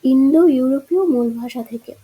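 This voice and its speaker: A woman's voice: high voice, fairly quick, slightly rough, lo-fi sound. A woman teaching an exam-prep grammar lesson, walking through answer choices and checking in with rhetorical questions.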